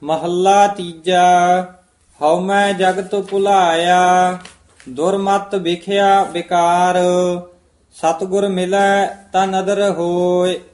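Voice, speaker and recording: Male student reciter; very slow, monotone chant, high voice, roomy sound. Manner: very slow, even, chanting delivery.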